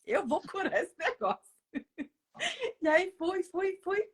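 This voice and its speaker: A woman telling a personal story as a guest in a casual, spiritual chat. She talks in an animated way and laughs often. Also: very high-pitched, slow pace, crowd noise.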